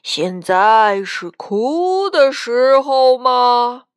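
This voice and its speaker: Woman voicing a booming old ghost storyteller. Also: smooth, dry recording, clean studio sound. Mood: solemn. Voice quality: deep. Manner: slow, commanding, booming. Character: old ghost uncle, grand legendary storyteller.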